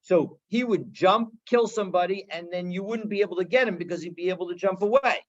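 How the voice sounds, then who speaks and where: A man teaches a daily Talmud class, reading Aramaic phrases aloud and explaining them line by line. His voice sits a little high, and he talks casually with many restarts and fillers. The recording sounds dull and lo-fi. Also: a little fast.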